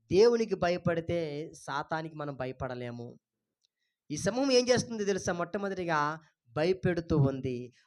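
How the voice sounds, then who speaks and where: A male pastor with a Telugu accent preaching a sermon, moving between loud exclamations and soft low asides.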